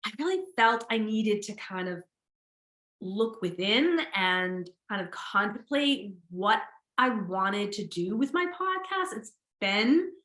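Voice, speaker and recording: Her mid-range voice swings widely in pitch and moves slowly, with a somewhat bright tone and a reverberant sound. She's a podcast host talking on her own in a casual, upbeat way, repeating words for emphasis. She sounds a little nasal and sniffles slightly.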